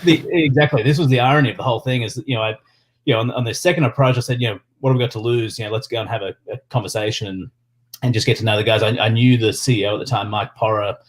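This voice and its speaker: A man's voice: mid-range voice, steady tone, rapid-fire. An Australian man chatting casually as an interview guest, rambling and leaning on filler phrases. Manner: rambling, peppered with "you know" and "sort of". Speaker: podcast guest, sports business executive.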